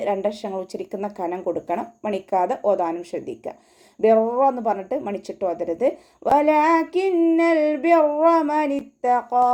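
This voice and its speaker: A woman teaching an online Quran recitation class, explaining pronunciation rules patiently. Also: warm tone. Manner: explains slowly, then recites the verses in a high, drawn-out chant.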